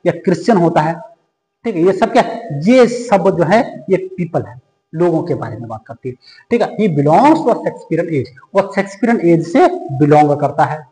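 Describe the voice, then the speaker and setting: A man teaching English grammar in a lesson that mixes Hindi and English. He asks the class questions and answers them himself, saying the English examples slowly before explaining them quickly. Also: fairly high pitch, sing-song, warm tone, reverberant, big-room sound, poor audio.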